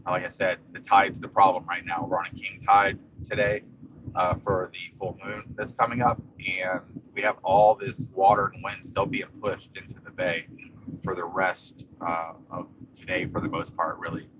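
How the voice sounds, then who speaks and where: A man with a low voice, speaking at normal speed, drives through rain while giving a casual, rambling, matter-of-fact storm update as a local vlogger. Recorded inside the moving car, the audio is dull and lo-fi, with steady car and rain noise.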